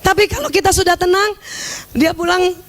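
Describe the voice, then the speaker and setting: A woman's voice: very high voice, steady tone, moderate pace. A woman giving an Islamic lecture on family life to an audience of women, speaking to them directly with humor and acting out small dialogues. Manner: humorous, acts out little dialogues; addresses audience directly as 'Bu'.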